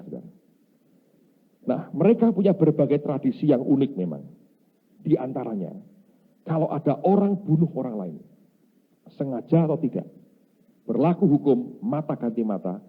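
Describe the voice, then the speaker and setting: A man preaching a sermon, telling a story and acting out its voices, swinging from loud to hushed. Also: mid-range voice, breathy edge. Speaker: pastor. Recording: tinny phone-like sound.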